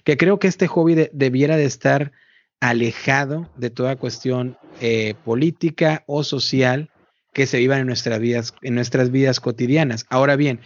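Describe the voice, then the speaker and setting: A Spanish-speaking man hosts a board game podcast, chatting casually, asking questions and often repeating words. His voice is medium in pitch at a normal speed. The audio is dry, dull and muffled.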